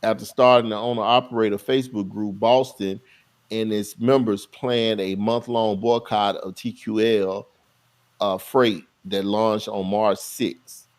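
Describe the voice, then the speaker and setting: Lowish voiced guy reading a news bit aloud then chatting on a podcast. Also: level tone, measured pace. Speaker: podcast co-host. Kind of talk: casual chat.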